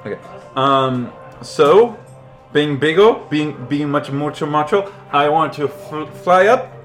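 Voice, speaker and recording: A man playing in a tabletop game, excitable and rambling as he plans his moves. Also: fairly high pitch, slow, soft background music. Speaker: player. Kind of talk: tabletop role-play, casual chat.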